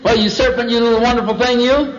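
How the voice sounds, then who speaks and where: A man voicing a sly, folksy serpent that coaxes and flatters in a chummy drawl. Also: very high voice, fast talker, reverberant, voice pushed up. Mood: wheedling. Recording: dull lo-fi recording.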